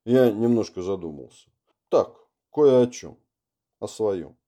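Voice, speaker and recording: A man's voice: lowish voice, animated, measured pace, warm tone. A man voicing a brooding, bitter Russian colonel who speaks heavily and emphatically. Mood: apologetic. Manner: heavy, emphatic.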